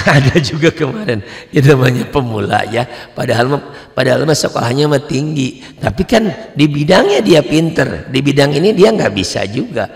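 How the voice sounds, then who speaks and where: A man with a slight lilt runs a tajwid class for beginners in a chatty, down-to-earth way. His voice sits at a middle pitch. It rings with a long reverb, as if he is in a big hall. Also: animated, creaky. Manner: chatty and plain-spoken, switching to loud drawn-out chanted recitation. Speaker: Quran recitation teacher.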